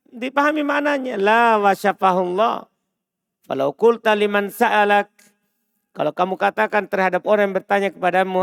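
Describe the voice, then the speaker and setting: A man's voice: high voice, vocal fry, dry recording, clean studio sound. A man teaching a grammar lesson, explaining phrases step by step and checking that his students follow. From Indonesia. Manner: switches between quoted phrases and plain explanation, asking "paham kan?". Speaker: Arabic teacher.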